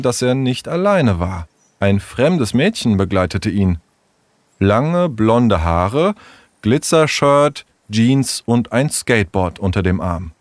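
A man narrating a scripted children's story, expressive and animated. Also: no echo. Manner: expressive, voices the children with raised pitch.

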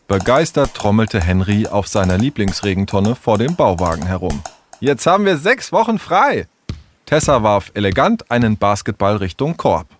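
Man reading a children's story aloud. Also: slight background noise. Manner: expressive, voices the children with raised pitch. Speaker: narrator. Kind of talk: scripted children's story narration.

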